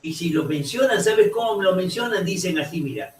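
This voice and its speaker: A male teacher lecturing a class, halting and restarting often and checking in with "ok?" as he goes. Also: high-pitched, animated. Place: echoey classroom. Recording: roomy classroom audio, mic far off.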